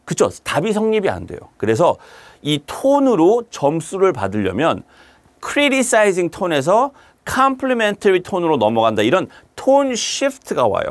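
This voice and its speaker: A man teaching an exam-prep lecture, lively and explanatory, slipping English terms into his talk and reading English passages slowly. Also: high-pitched, no echo. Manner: animated, mixes English terms into Korean, reads English lines slowly.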